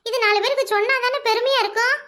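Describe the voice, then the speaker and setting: A woman's voice: very high-pitched, steady tone, fast talker, pushed and bright, pitched above the performer's own voice. A woman voicing a sly, gossiping young sister-in-law in a cartoon, with a Kanyakumari Tamil accent and a wheedling manner. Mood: needling.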